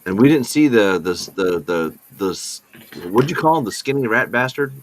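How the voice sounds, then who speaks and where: A man's voice: mid-range voice, expressive, moderate pace, a little hiss or hum. A man playing a tabletop role-playing game, moving between narration and theatrical in-character speech.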